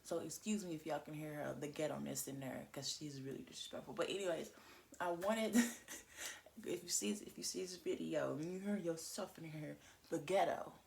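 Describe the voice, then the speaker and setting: A woman's voice: sits low, normal speed, creaky, a little mellow, slight background noise. A young woman vlogging in a casual chat straight to her viewers, candid and chatty and swearing freely.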